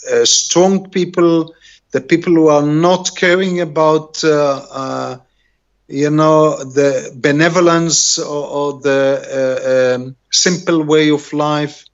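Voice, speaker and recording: Man, middle-aged, Israeli accent, native Hebrew speaker, slightly high pitch, rambling and searching for words, casual interview guest, dull video-call sound. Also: steady tone, slow.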